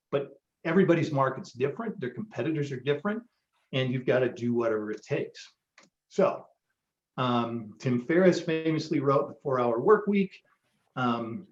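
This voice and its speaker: A man hosting a live online marketing workshop, giving a motivational pep talk with frequent ums. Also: mid-range voice. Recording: roomy, dull lo-fi sound.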